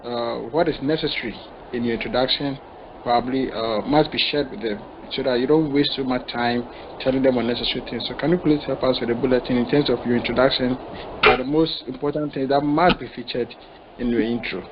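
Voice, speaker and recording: A man's voice: mid-range voice, fairly even intonation, fairly quick, dull audio, background noise. A man in the audience asking a question on a call, speaking hesitantly and politely with many fillers.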